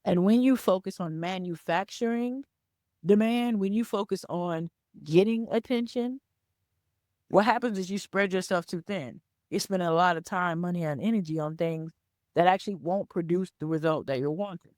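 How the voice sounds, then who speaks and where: Fairly low-pitched and somewhat dark in tone, this business coach's voice moves at a moderate pace as she hosts her solo podcast. She stresses her points emphatically, circling back with "right?" and "okay?", in a clean studio recording free of room sound.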